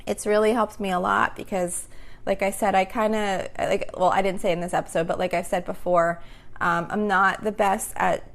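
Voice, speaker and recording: A woman speaks at a moderate pace in a level, mid-range, creaky voice while hosting a laid-back solo podcast. She rambles, filling her speech with lots of "um" and "like," and her voice seems a bit tired, as though it's going.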